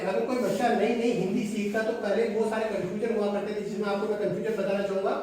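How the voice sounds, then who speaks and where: A man's voice: sits high, darkish tone. A man gives a college lecture, explaining step by step and pointing at examples on the board. He stands well back from the microphone in a heavily echoing classroom. A faint hiss runs under his voice. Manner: explanatory, with frequent restarts and pointing at written letters. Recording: echoey room, voice from a distance.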